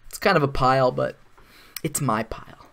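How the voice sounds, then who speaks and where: A man's voice: mid-range voice, normal speed, vocal fry, sharp tone. A man giving casual live-stream commentary while playing an online card game, thinking aloud, with sarcastic asides.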